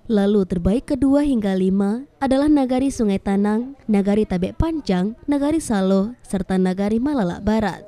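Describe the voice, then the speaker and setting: Very dark-toned female news narrator. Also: mid-range voice. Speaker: news presenter and reporter narrator.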